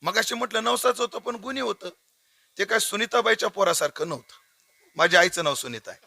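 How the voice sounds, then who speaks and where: A man preaches a kirtan sermon full of humorous stories, joking with the crowd and quizzing them. His voice is high and very bright, with a gravelly edge. The sound is dry and close. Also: a little fast, no echo. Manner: jokey, asks the audience questions.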